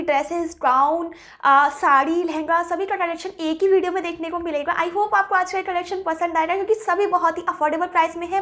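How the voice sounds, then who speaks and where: A woman's voice: very high-pitched, a bit bright. A young woman vlogger casually reviewing clothes, chatty and upbeat, mixing English words into her Hindi. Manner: chatty, mixes English words into Hindi, enthusiastic about prices. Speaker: fashion haul vlogger.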